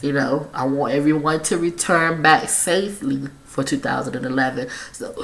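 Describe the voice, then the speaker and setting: A woman's voice: low voice, vocal fry, pushed and bright. A young adult woman chatting casually as a vlogger, informal and slangy, swearing freely. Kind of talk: casual chatty vlog shout-outs.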